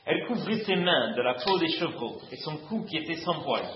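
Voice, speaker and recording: A man's voice: a little high, lively intonation, a little fast, a little hiss or hum. Man reading scripture in an echoey room. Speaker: Bible reader. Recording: roomy, dull lo-fi recording.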